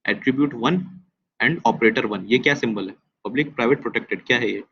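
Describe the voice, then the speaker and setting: A man teaching a test review, mixing Hindi and English as he goes. He reads key statements out slowly, repeats them, and keeps putting questions to his class. The recording sounds dull and lo-fi, with a faint hiss behind it. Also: medium pitch, creaky, a bit bright. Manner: quizzes students with questions. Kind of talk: test discussion lecture.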